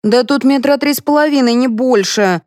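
A woman's voice: high-pitched, normal speed, a little mellow, no room sound, clean studio sound, voice pushed up, close to an everyday voice. A woman voicing a blunt, simple housekeeper. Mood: matter-of-fact. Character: simple-minded, plain-spoken middle-aged housekeeper woman. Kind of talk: audiobook character voice.

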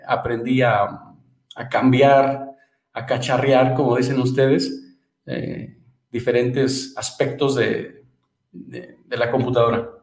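A man's voice: mid-range voice, darkish tone, reverberant, low-quality recording. A man in his thirties, from Mexico, chatting as a podcast guest and often repeating words as he starts a thought. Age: 30s. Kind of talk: casual interview chat.

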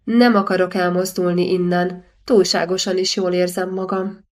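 A woman's voice: on the low side, flat delivery, a little mellow, close to an everyday voice. A woman voicing a languid, pleasure-loving young princess in an audiobook, with a lazy, dreamy delivery.

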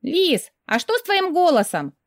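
A lively, caring young woman, as an audiobook reader puts her on, snaps out brisk, exclamatory lines and takes charge. Her voice leaps around with plenty of animation. The sound is dry and close. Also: extremely high pitch, no room sound, pitched above the performer's own voice, full character voice. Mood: cheerful, concerned. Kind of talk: audiobook dialogue reading.

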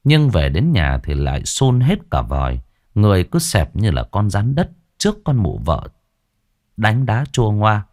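A man narrating a ghost story in an expressive storytelling style. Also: fairly low pitch, a little slow.

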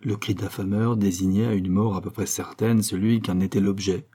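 A man reading a classic novel aloud in a dramatic, measured narration. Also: lowish voice, fairly even intonation, warm tone, slightly rough. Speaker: audiobook reader.

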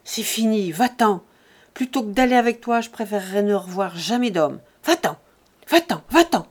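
A woman reading an audiobook, voicing a furious young farm woman who scornfully shouts down a man. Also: medium pitch, animated, moderate pace, breathy edge. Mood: dismissive.

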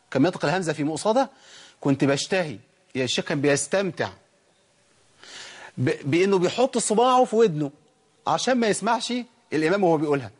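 A middle-aged Egyptian sheikh explains recitation rules to his class, throwing out questions and answering them himself. His voice sits a little high and sounds husky. He talks at a rapid clip. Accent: Egyptian Arabic. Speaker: Quran recitation teacher.

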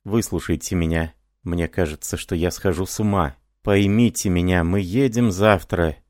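A man voicing a distraught, frightened young married woman, speaking softly and pleadingly. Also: fairly low pitch, a little slow, no room sound, clean studio sound, close to an everyday voice. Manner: soft, trembling pleading.

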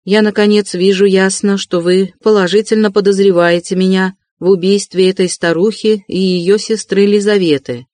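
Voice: mid-range voice, steady tone, normal speed, hardly any pauses, a little mellow, no room sound, close to an everyday voice. A reader voicing an agitated young male student in an audiobook, tense and insistent. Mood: defiant. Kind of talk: audiobook character reading.

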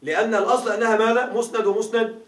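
Man teaching grammar, high voice, quizzing students, distant mic. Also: steady tone, very fast, a little hiss or hum. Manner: quizzing students with repeated questions. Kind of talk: classroom grammar lesson. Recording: echoey room, mic far off.

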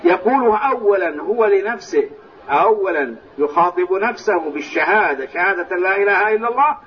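A man teaching a lesson on hadith, explaining the texts step by step and softly reciting phrases of the call to prayer, heard in an old recording from a large mosque. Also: high voice, lively intonation, fairly quick. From Saudi Arabia. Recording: distant, dull, lo-fi old recording with faint hiss.

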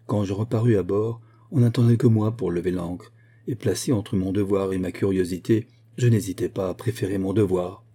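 A man reading a nineteenth-century story aloud in a measured narrating voice. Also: low-pitched, steady tone, mellow, slightly rough. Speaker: audiobook reader. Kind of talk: scripted narration.

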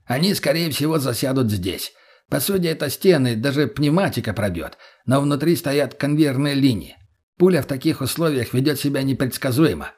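A man reading an audiobook voices a gruff army colonel giving curt, commanding orders. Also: mid-range voice, expressive, brisk, a little mellow. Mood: briefing.

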